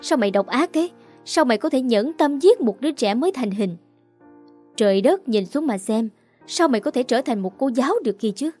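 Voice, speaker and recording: A woman's voice: lively intonation, fairly quick, warm tone, soft background music. Woman voicing an angry scolding colleague. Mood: furious. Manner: shrill, scolding. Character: angry female teacher colleague accusing narrator.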